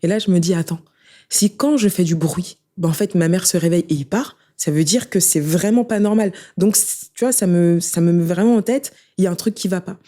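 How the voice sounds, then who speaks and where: Speaking quickly and with emotion, a young interview guest recounts her own life in a casual, conversational way, frequently addressing the listener with "tu vois." Her voice is fairly low-pitched and mellow.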